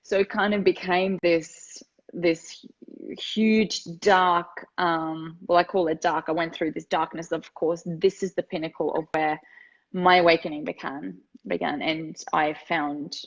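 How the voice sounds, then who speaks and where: A woman's voice: on the low side, steady tone, measured pace. A woman in her thirties from Finland, a podcast guest telling her life story in an earnest way and often repeating words as she thinks. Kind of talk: personal story interview. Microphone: remote call. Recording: dull lo-fi call audio.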